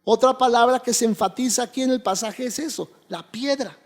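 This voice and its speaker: A pastor preaching a sermon, asking the congregation questions and answering them, with frequent amens. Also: male voice, very high voice, brisk. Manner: preaching with call-and-response questions and repeated amens. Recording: long hall reverb.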